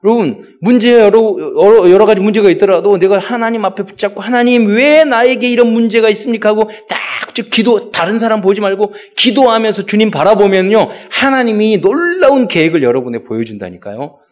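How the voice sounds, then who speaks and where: A man's voice: sits high, lively intonation, a little fast, hardly any pauses, a little mellow. A male pastor delivering a sermon, rising into exhortations and acting out quoted speech.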